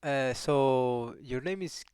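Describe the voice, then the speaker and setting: Guy coaching, friendly, bit slow with lots of uh, clear smooth voice, dry close mic. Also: mid-range voice, darkish tone, no echo. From Greece. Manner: friendly, unhurried, with pauses and fillers. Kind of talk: casual coaching chat.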